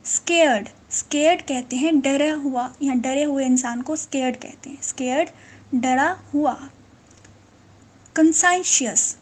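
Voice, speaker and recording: Slow, high-voiced woman teaching words. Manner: repeats each word slowly and clearly. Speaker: English teacher. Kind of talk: vocabulary lesson.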